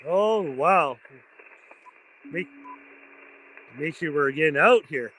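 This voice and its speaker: A man's voice: fairly high pitch, lively intonation, slow pace, a bit bright, a little hiss or hum, low-quality recording. A man hosting an informal amateur radio vlog, mixing chatty remarks with phonetic callsign calls. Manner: informal, chatty, addresses viewers as guys. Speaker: amateur radio operator, host.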